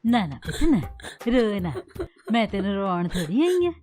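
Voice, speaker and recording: A woman's voice: very animated, normal speed, darkish tone, close to an everyday voice. An actress playing a blind, motherly old village woman with a Punjabi accent, coaxing and tender in a film scene. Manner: coaxing, tender, then shrill scolding.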